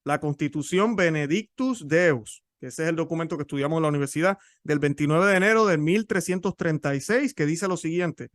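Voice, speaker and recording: A man's voice: fairly high pitch, fairly quick, hardly any pauses, no echo, clean studio sound. A man explaining church history in a teaching talk, often repeating and restarting words.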